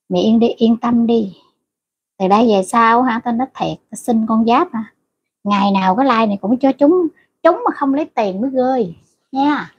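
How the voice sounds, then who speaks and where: A woman's voice: on the high side, husky, highs cut off. A middle-aged woman hosting a casual livestream. She reads out viewer comments and scolds rude commenters bluntly and crudely. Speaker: livestream host.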